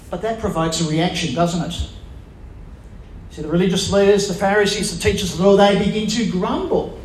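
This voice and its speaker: A man with a high voice preaches a sermon and keeps turning to his listeners with questions. He lets pauses carry his emphasis. The sound is roomy and echoey, with a faint hum of ambience behind him.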